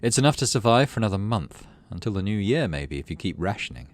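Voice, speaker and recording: A very animated man with a lowish voice rattles off a dramatic reading of a visual novel, talking fast. Between passages he drops into casual let's play banter as the channel's host, while game music plays in the background.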